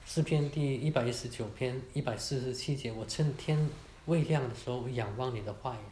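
A man's voice: medium pitch, brisk, dark tone, slight background noise. Man teaching a church class, echoey room. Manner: informal, adds particles like 哈 and 啊, mixes in English words.

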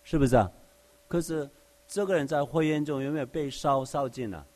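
A man's voice: on the high side, brisk, darkish tone. A man preaching a conversational Bible study sermon. He explains verse by verse with everyday examples and often asks his listeners rhetorical questions. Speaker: Bible teacher.

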